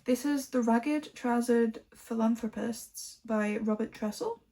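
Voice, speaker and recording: A woman from Liverpool chatting casually about books she collected, rambling and filling pauses with "um" and "like". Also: a little high, mellow. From Liverpool, England. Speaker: book vlogger.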